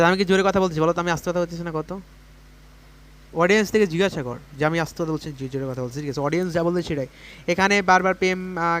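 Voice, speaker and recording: Fast, high-voiced young streamer. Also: male voice, a bit bright. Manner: chatty, reads out viewer comments and urges coins. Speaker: gaming livestreamer. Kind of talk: casual live stream chat.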